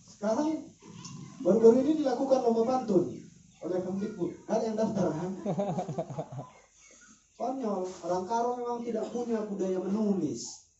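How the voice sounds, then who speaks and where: A man talking at a casual group discussion, walking through his ideas with spoken examples. His voice sounds dark and mellow. He is picked up from across an echoey room on a dull, muffled recording. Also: high voice, normal speed, long pauses, distant mic, slight background noise. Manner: explanatory, illustrates points with spoken examples. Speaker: discussion speaker.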